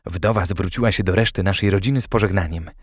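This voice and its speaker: A man narrating an audiobook in a steady, even storytelling manner. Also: deep voice, quick pace, breathy edge, no echo, studio quality.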